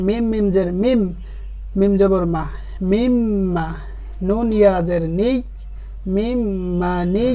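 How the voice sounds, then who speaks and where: A man's voice: sits high, mellow. Patient man spelling out Quran lessons. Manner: spells letters and vowel marks slowly, then stretches the words long; patient, addresses the viewer directly. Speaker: Quran reading teacher.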